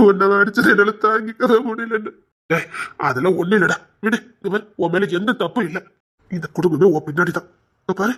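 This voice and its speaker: A man's voice: high-pitched, fairly bright tone, husky, heavily acted. A man playing a tender Tirunelveli elder brother. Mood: consoling. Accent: Tirunelveli Tamil. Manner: soothing, emotional, repeats endearments. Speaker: elder brother in a family drama. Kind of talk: web serial acting.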